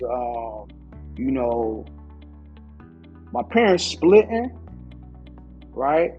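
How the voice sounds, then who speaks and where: Recounting his experience casually as an interview guest, an Orlando, Florida martial arts instructor speaks with an American accent in a mid-range voice. He halts, repeats himself and keeps asking "you know," while the recording has its highs cut off.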